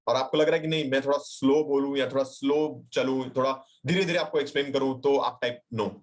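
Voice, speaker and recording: A man's voice: mid-range voice, fairly even intonation, brisk. A young man with an Indian accent teaching a live webinar tutorial, chatty and reassuring, mixing English phrases into his talk and checking in with viewers. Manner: reassuring, addresses viewers directly and reads chat replies aloud. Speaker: digital marketing trainer. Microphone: computer mic on a webinar call.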